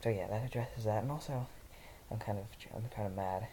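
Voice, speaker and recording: Young male story reader, monotone and gravelly, drifting into offhand commentary, hissy home mic. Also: fairly low pitch, a little fast. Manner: monotone delivery; rambling, self-interrupting commentary. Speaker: host reading fan fiction aloud. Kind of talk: story reading with casual asides.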